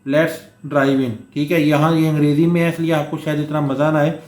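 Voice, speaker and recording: A man's voice: on the high side, level tone, quick pace, darkish tone, roomy sound. A man teaching a course, explaining in a conversational lecture with fillers and frequent check-ins, somewhat short of breath and coughing at times. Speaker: course instructor. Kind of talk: Hindustani lecture mixed with read-out English.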